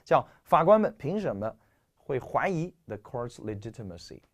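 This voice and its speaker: A man's voice: medium pitch, sing-song, normal speed. A man from China teaching English vocabulary in a lecture, explaining with rhetorical questions and a stuffy nose. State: stuffy nose, clearing throat.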